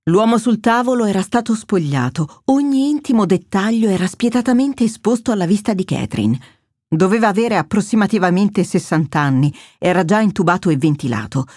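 A woman narrating a medical thriller in a measured, steady storytelling voice, close to the mic. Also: mid-range voice, no room sound. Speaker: audiobook narrator. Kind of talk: scripted narration.

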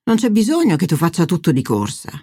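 A woman's voice: fairly low pitch, fast talker, breathy edge, no echo, studio quality, heavily acted. A woman as a weary, placating grown daughter. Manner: calm, placating, hesitant. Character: patient, weary adult daughter.

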